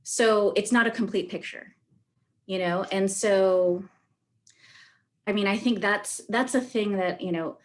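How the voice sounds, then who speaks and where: A woman panelist speaking on a video call, thinking aloud in halting phrases full of fillers. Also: mid-range voice, steady tone.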